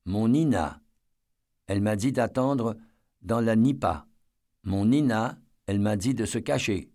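A man voicing a little girl who speaks in a flat, monotone, childlike way, in an audiobook reading. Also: fairly low pitch, unhurried, close to an everyday voice. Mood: flat, calm. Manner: monotone, childlike, broken phrasing. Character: little girl, gentle, reciting flatly.

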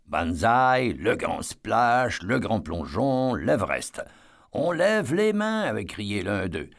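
Male narrator, audiobook reading, gravelly texture, low pitch, measured. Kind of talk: scripted narration.

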